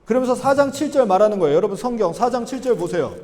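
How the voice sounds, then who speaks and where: A man's voice: sits high, animated, very fast, darkish tone. A male pastor giving a sermon, often putting questions to the congregation and acting out Bible voices. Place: church sanctuary. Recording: long hall reverb.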